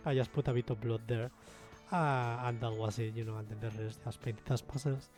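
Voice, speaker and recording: A man's voice: medium pitch, steady tone, brisk, darkish tone, soft background music. A young man with a Spanish accent, explaining his miniature painting in a rambling, self-deprecating way with lots of fillers. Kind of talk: casual tutorial talk.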